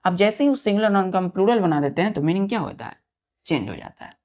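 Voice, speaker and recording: A woman teacher with a middle-pitched, sing-song, slightly mellow voice leads an exam-prep grammar lesson. She spells words letter by letter, repeats each key term, and keeps firing quick questions at her students, whom she calls children.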